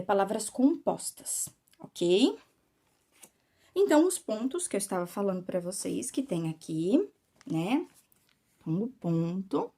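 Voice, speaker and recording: A woman with a Brazilian Portuguese accent teaching a class to children, explaining slowly and patiently and often checking that they follow. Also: medium pitch, dark tone.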